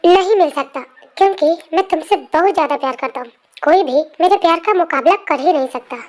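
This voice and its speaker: A woman voicing a possessive, quick-tempered young husband in a fan story narration, talking bossily. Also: very high voice, a little mellow. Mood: scolding, angry. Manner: bossy, scolding, then doting. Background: faint music.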